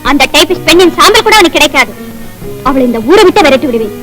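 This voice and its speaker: An actress playing a possessive rich young woman, a mill owner's daughter, who speaks in formal, slow, menacing lines, in old film style. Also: high-pitched, lively intonation, fairly bright tone, soft background music, poor audio.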